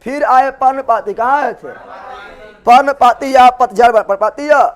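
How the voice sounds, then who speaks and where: A male teacher, leading a geography class in chanted call-and-response and repeating answers loudly. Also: extremely high pitch, normal speed.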